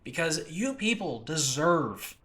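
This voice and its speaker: A bright, slightly high male voice belongs to the host and creator of an audio drama channel, speaking casually to listeners in a solo podcast. He's excitable, gushing and effusive, rambling and halting as he interrupts himself.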